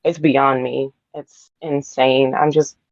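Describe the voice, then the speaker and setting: Nervous, giggly low-voiced woman. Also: flat delivery, slow, no room sound, dull audio. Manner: nervous, giggly, lots of fillers. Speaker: voice actress guest. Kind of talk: casual interview chat.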